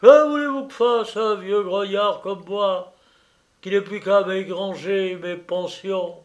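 A man voicing a blustering, flattering old retired army colonel in a read-aloud novel, talking loud and emphatic. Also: high-pitched, takes it slowly, voice pushed up.

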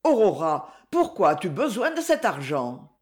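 A woman reading an audiobook, voicing a gentle, anxious old banker who implores his daughter. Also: fairly low pitch, sing-song, a little slow. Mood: imploring.

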